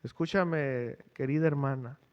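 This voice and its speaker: A man's voice: mid-range voice, measured pace, highs cut off. A middle-aged man preaching a sermon, questioning the congregation in a conversational way. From Mexico. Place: church.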